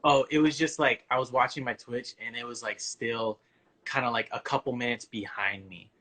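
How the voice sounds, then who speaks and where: A man with a bright, forward voice at an average pitch hosts a relaxed online interview. He talks informally, with plenty of easygoing slang. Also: normal speed. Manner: informal, laid-back slang. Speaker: livestream interview host. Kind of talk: casual chat.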